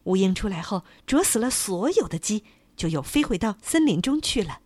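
Animated woman telling a children's story. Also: medium pitch, normal speed, no room sound. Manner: expressive, animated reading.

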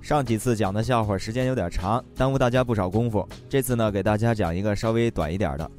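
A man hosting and narrating a comic story, lively and teasing. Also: fairly low pitch, fast, faint music behind. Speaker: storyteller host.

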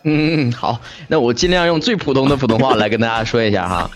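A man's voice: medium pitch, a little fast, music in the background. A man with a Northeastern Chinese accent talking casually as a podcast guest, colloquial and joking. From Shenyang, northeastern China. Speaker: talk-show podcaster, guest instructor. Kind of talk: casual explanatory talk.

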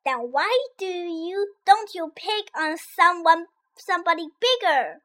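A woman's voice: extremely high pitch, lively intonation, slow pace, a bit bright, heavily acted. Sweet friendly ladybug, read by a woman. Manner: sweet, polite. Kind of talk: storybook read-aloud.

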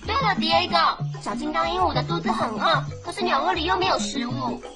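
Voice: extremely high pitch, fairly quick, loud music behind the voice. A performer playing a caring, helpful young girl rescuer in a children's cartoon. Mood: caring, bright. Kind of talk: animated children's show dialogue.

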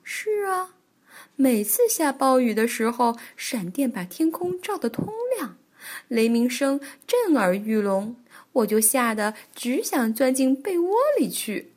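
A woman doing a gentle grandmother bear. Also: a little high, sing-song, a little slow. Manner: soft, kindly, soothing.

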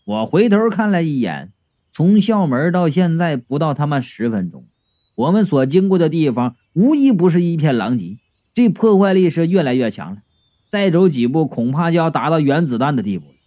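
A man's voice: on the high side, normal speed. Wisecracking male comic storyteller. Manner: wisecracking, colloquial, lively. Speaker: narrator. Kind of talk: comic first-person audiobook narration.

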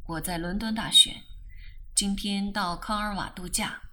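A woman voicing a calm, reserved man in an audiobook, with a lowered, measured delivery. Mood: subdued. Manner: low, subdued and measured. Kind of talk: audiobook character voice.

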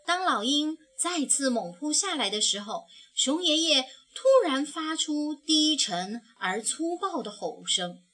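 A woman narrating a children's storybook in a soft, tender, slow manner. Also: sits high, very animated.

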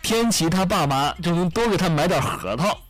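Young male radio host, higher voice with lively swoops, chatty and giggly, faint music behind. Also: moderate pace. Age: young adult. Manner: chatty, laughs at his own jokes. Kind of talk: casual comedic storytelling.

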